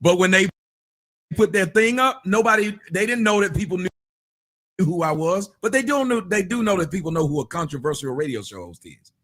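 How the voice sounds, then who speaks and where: A man's voice: high voice, animated, a little fast, a bit bright. A man in his forties, a radio show host, arguing hard and talking over the other person. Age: 40s. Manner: pushy, argumentative, talks over the other speaker. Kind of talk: heated on-air argument.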